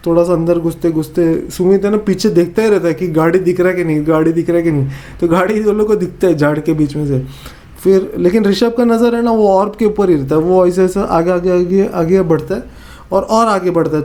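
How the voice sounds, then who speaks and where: A man with a Northeast Indian accent telling a horror story in a casual, animated way, acting out his friends' lines with many fillers and repeats. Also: sits high, fairly quick.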